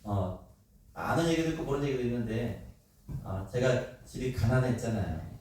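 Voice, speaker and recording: A middle-aged man preaching a sermon as pastor, animated, asking the congregation questions and acting out voices. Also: mid-range voice, moderate pace, recorded from a distance, a little hiss or hum. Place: church sanctuary. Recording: echoey church hall, speaker away from the mic.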